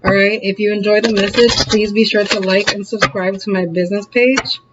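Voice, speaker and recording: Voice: medium pitch, fairly even intonation, brisk, dull audio, very noisy. A tarot reader giving a casual, encouraging reading to camera, laughing often and checking in with the audience as they go. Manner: chatty, keeps checking in with "okay?" and "all right?".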